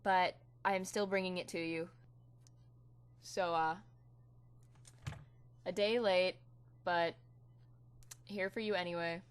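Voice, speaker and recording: A woman's voice: lowish voice, fairly even intonation, slow pace, pauses often, smooth. A woman hosting and giving a dramatic reading of comic fan fiction.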